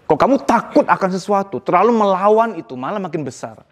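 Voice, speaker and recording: A man with a slightly higher voice gives a casual, lively psychology lecture. He talks to his listeners directly and acts out the people he quotes. Now and then he drops in a phrase in English. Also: quick pace. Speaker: psychology speaker.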